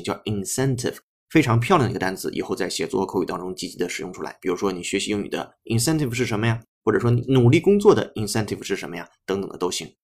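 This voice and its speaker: A man teaching English, explaining a text line by line at a slow, patient pace and spelling words out letter by letter. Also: lowish voice.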